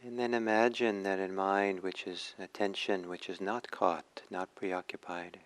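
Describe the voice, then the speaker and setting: A man leading a guided meditation as a teacher, speaking in short phrases with hushed pauses between them. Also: low-pitched, little pitch movement, poor audio.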